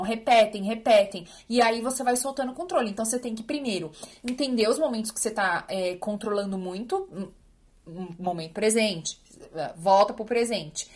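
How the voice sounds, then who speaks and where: Blunt, animated woman. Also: fairly high pitch. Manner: blunt, animated, with exasperated asides. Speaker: host answering follower questions. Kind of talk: casual live Q&A chat.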